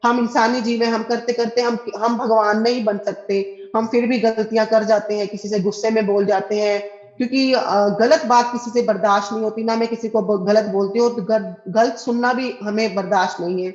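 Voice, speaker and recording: A woman's voice: on the high side, steady tone, moderate pace, darkish tone. Earnest woman telling a devotional testimony. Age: middle-aged. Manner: earnest, addresses listeners directly and acts out the dialogue. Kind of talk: personal testimony storytelling. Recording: echoey, dull lo-fi recording.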